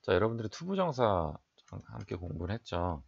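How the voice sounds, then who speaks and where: Low gravelly man teaching English. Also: very animated, fairly quick, highs cut off. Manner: explains sentence by sentence, reads English then translates; frequent "자" fillers, asks and answers own questions. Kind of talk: exam prep lecture.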